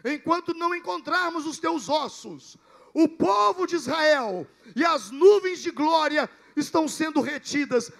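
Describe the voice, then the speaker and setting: A man crying out as an old prophet calling loudly. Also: extremely high pitch, lively intonation, unhurried, vocal fry, full character voice. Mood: pleading, commanding. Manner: loud pleading, commanding calls. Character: aged male prophet crying out at a river. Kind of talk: dramatized sermon quote.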